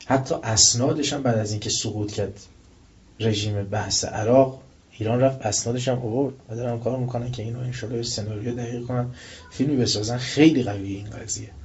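A male preacher giving a religious lecture, telling stories with rising intensity and reciting verses slowly. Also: mid-range voice. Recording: dull lo-fi recording.

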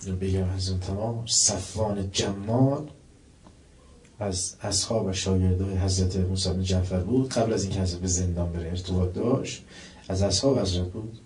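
A man's voice: low-pitched, a little mellow, slight background noise. A man preaching a sermon, dramatically retelling a story and voicing the people in it. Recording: roomy echo, distant mic.

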